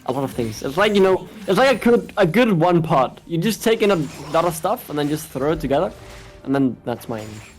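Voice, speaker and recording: A man with a Danish accent casting an esports match, excitable and jokey, shouting at big plays. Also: a little high, brisk, soft background music. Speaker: esports caster. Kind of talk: play-by-play commentary.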